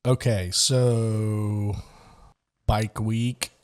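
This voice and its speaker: A man's voice: lowish voice, level tone, extremely slow, darkish tone, clean tone. A man co-hosting a casual podcast who drops dry wisecracks and laughs at his own jokes. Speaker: podcast co-host. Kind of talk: casual chat.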